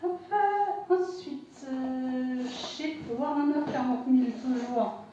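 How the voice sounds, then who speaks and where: A woman's voice: high voice, slow, mellow, a little hiss or hum. A woman presenting an unboxing for her shop in casual commentary, hesitant, with many fillers and self-corrections. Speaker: shop owner unboxing products. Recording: echoey room, voice far from the mic.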